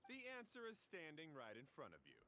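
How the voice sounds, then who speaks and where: A man's voice: fairly high pitch, huge pitch swings, a little fast, pushed and bright, slight background noise, exaggerated voice. An actor playing a grumbling adult man who resents his brother, complaining in a game's dialogue. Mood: taunting. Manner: complaining, indignant.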